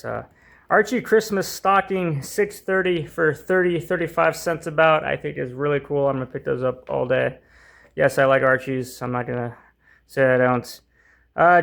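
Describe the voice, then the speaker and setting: Gravelly, rambling man. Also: medium pitch, fairly bright tone. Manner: rambling, many fillers and restarts. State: hot and tiring, voice strained. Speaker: comic book channel host. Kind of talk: casual unboxing chat.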